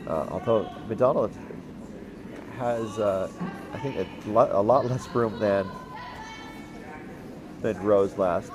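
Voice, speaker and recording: A man calling a curling game as commentator, relaxed and halting, with lots of fillers and restarts and the odd dry aside. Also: lowish voice, over music. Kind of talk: play-by-play commentary.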